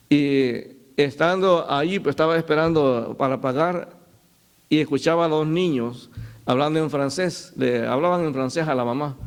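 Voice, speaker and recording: A middle-aged man preaching a sermon as pastor, telling stories and calling his listeners "brother". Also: on the high side. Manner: storytelling, addresses listeners as "hermano".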